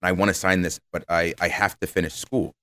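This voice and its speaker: A man with a deep, low-pitched voice tells stories as a podcast guest. He talks casually and animatedly, slipping into the voices of the people in his stories. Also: fast talker. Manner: animated, acts out quoted voices. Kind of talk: casual storytelling interview.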